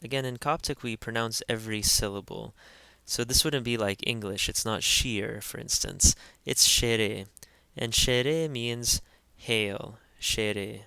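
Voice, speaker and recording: A man teaching pronunciation in an instructional voice-over, carefully spelling out each sound and repeating every word slowly. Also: mid-range voice, pushed and bright, smooth, dry recording. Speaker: language teacher.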